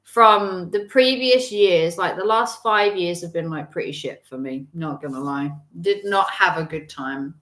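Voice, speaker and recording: Bright-voiced chatty woman. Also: on the low side, a little slow, hardly any pauses, echoey room. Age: 40s. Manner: chatty, rambling, with frequent restarts and fillers. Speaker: livestream host. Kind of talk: casual live-stream chat reading viewer comments.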